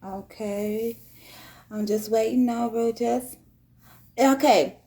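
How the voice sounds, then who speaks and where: A woman's voice: fairly high pitch, steady tone, slow, warm tone. A woman hosting a casual live-stream podcast interview, chatty and upbeat, laughing often. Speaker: podcast host.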